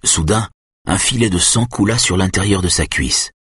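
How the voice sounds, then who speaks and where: Very deep-voiced, husky male narrator. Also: moderate pace, fairly bright tone, dry recording. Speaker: audiobook narrator. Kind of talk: scripted first-person narration.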